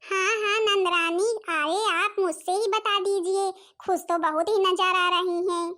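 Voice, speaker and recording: A woman's voice: very high voice, fairly even intonation, unhurried, pushed and bright, exaggerated voice. A woman voicing an eager-to-please younger daughter-in-law in a cartoon comedy, coaxing and sweet. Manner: coaxing, ingratiating.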